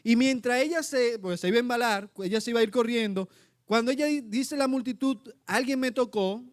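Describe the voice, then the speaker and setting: Middle-aged preacher guy, high voice, lively, acts out the quotes. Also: brisk. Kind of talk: sermon.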